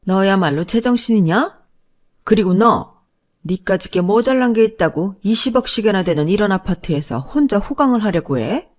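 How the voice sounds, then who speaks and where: A woman's voice: mid-range voice, expressive, normal speed, voice pushed up, lightly acted. A woman voicing a domineering older mother-in-law who scolds with contempt. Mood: scornful.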